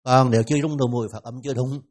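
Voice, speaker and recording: A man with a Vietnamese accent teaching pronunciation in a classroom lesson, repeating each sound slowly for his students. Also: medium pitch, steady tone, darkish tone, breathy edge.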